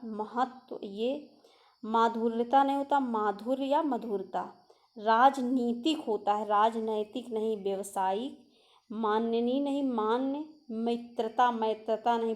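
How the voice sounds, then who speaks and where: A woman's voice: fairly high pitch, a little mellow. A young woman teaching an exam-prep spelling lesson, going through words one by one and asking rhetorical questions. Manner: drills word by word, asks rhetorical questions. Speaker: Hindi teacher.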